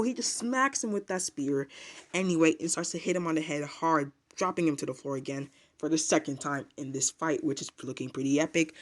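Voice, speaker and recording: A man casually retelling a manga chapter as a reviewer, rambling with filler words and restarts. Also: on the high side.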